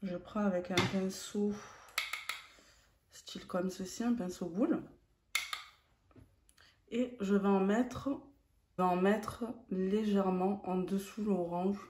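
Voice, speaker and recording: A woman explaining a makeup look step by step, in a calm tutorial manner. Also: mid-range voice, slow, long pauses, roomy sound, a little hiss or hum. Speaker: beauty vlogger.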